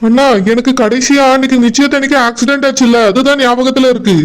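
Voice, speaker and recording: A man voicing a young village groom in a cartoon, with a Kanyakumari Tamil accent and a strained, high cartoon delivery. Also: steady tone, quick pace, clean tone. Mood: puzzled. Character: young village groom, bewildered then angry. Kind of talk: cartoon voice acting.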